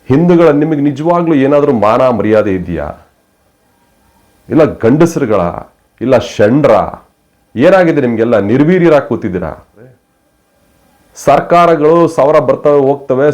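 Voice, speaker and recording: A man's voice: mid-range voice, lively intonation, unhurried, pauses often, darkish tone. A man delivering impassioned political commentary, scolding his listeners with fiery rhetorical questions. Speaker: news commentator.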